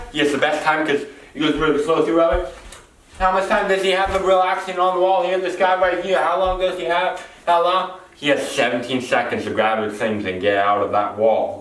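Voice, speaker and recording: This male presenter's voice is high and fairly bright as he rambles through an improvised explanation, repeating phrases and fixing his words mid-stream. The setting is a large warehouse with strong echo, a far-off mic and slight noise.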